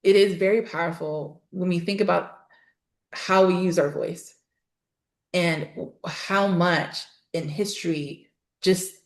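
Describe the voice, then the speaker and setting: A woman guest on a podcast talking about voice and storytelling, emphatic and animated, with laughing asides. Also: on the low side. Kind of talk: casual interview chat. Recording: roomy echo.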